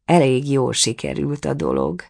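A woman voicing a smug, amused gentleman guest in a storybook reading. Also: a bass voice, gravelly, husky, full character voice. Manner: amused, condescending.

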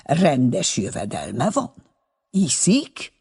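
A man's voice: mid-range voice, huge pitch swings, vocal fry, darkish tone, husky, exaggerated voice. A man playing a stern suspicious father. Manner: stern, sarcastic.

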